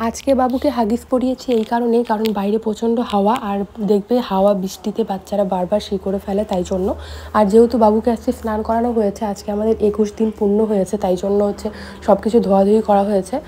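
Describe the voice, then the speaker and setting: Hoarse, fast-talking young mother. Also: medium pitch, fairly even intonation, mellow, slight background noise. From India. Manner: chatty, explains everyday details. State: hoarse from a cold. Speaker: family vlogger. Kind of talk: casual voice-over narration.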